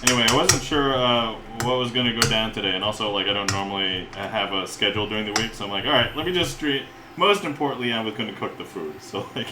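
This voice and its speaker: Talking fast in a lowish, relaxed voice, a man runs a cooking livestream in his home kitchen, greeting viewers with lots of rambling and chuckles as he chats casually and cooks. The recording is very noisy and echoey, with loud clatter from pots, pans, and cutlery.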